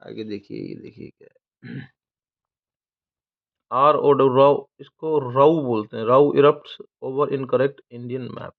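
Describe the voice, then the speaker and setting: A man teaching English from newspaper headlines, who asks and answers his own questions and reads the English lines slowly, word by word. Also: medium pitch, creaky. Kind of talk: explaining newspaper headlines and dictionary words. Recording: tinny phone-like audio.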